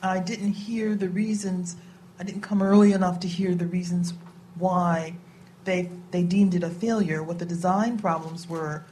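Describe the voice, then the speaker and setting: A woman committee member making deliberate, emphatic remarks at a hearing. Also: lowish voice, steady tone, warm tone, recorded from a distance, a little hiss or hum.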